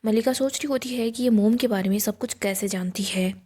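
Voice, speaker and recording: A woman's voice: on the high side, a little fast, husky. A woman narrating a casual scene-by-scene recap of a TV serial, quoting the characters' lines in her own voice. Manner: steady retelling, quotes dialogue in her own voice.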